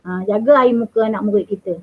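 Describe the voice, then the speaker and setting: A woman's voice: mid-range voice, quick pace, slightly rough. A woman in her fifties with a Malaysian accent, a mathematics teacher answering interview questions in a firm, emphatic way. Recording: tinny phone-like call audio.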